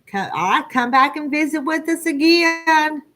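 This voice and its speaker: Her high-pitched voice moves with lively intonation at a measured pace. She's a woman in her sixties from the Arkansas Ozarks foothills with a rural Southern Ozark accent, hosting a livestream and chatting casually, folksy and rambling.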